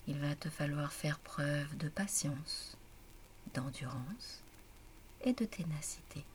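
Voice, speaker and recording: A woman voicing a serene, wise grandmother who gives slow, soothing guided instructions in a whispered role-play. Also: deep voice, steady tone, a little hiss or hum.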